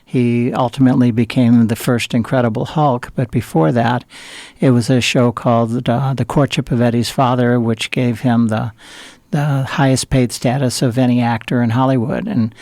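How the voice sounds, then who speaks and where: Older man, gravelly voice, dry close sound, rambling interview storyteller, lots of ums. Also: medium pitch, steady tone, moderate pace, darkish tone, no room sound. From Southern California. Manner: rambling, reflective, many fillers and restarts. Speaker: guest.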